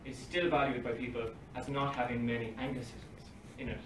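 Brisk and flat, with a fairly bright mid-range voice, a young man reads his academic conference talk from notes at a lectern, adding dry asides and short laughs. A phone camera far across a library meeting room does the recording, so it sounds roomy, distant and faintly hissy, like a livestream.

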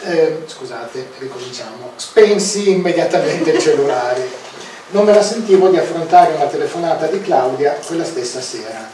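A man reading aloud from his own book at a public presentation, slow and deliberate. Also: a little high, animated, crowd noise. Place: outdoor public event. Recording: very echoey, distant outdoor sound.

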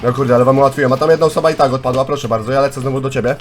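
A man in his twenties, a gaming YouTuber, giving chatty, excitable live commentary on a contest and talking straight to his viewers. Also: medium pitch, very fast, soft background music. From Poland. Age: 20s.

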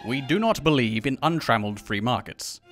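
A man's voice: medium pitch, expressive, a little fast, fairly bright tone, faint music behind, voice pushed down, natural voice. A man putting on a mock British accent to read out a pompous conservative politician's manifesto. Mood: pompous earnest.

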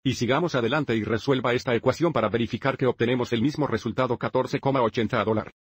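A man with a husky, slightly breathy voice talks through a math lesson one step at a time. His delivery is steady and methodical, like a patient teacher. The sound is dry and close, with no room around it. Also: medium pitch, fast talker, no room sound. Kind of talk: dubbed math lesson narration.

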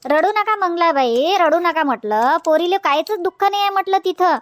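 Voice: very high voice, animated, moderate pace, a bit bright, no echo. A voice actor playing a village man who consoles the family, soothing and repetitive. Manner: soothing, repeats himself with "mhatla".

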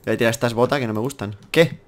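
A man's voice: mid-range voice, rapid-fire. A man from Spain hosting a casual game video, joking and bantering with a friend. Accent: Spanish (Spain). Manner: animated, loud laughing, joking. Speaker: gamer host. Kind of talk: casual let's play banter.

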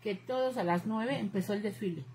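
A woman's voice: mid-range voice, fairly quick, darkish tone, slightly rough, poor audio. A middle-aged woman with a Mexican Spanish accent, chatting openly to her viewers, outspoken, often calling them "chicas". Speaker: crafts channel host. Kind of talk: casual chat to viewers.

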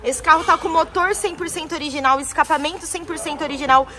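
A woman giving a steady, technical voice-over narration of test results. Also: high-pitched, fast talker, slight background noise. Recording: voice-over with clear background music.

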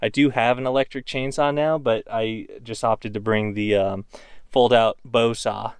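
A young vlogger from the northwestern United States casually shows off his car camping gear beside an open car in a burned forest, rambling with lots of fillers while holding the camera at arm's length outdoors. His voice is medium-pitched and smooth, with fairly even intonation and normal speed, yet the recording sounds dry and studio-clean.

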